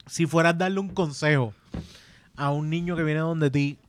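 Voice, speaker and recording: A Puerto Rican man hosting a podcast, asking questions in a relaxed, joking, slangy way. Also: on the high side, moderate pace, a little hiss or hum. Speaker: podcast host. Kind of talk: casual podcast interview.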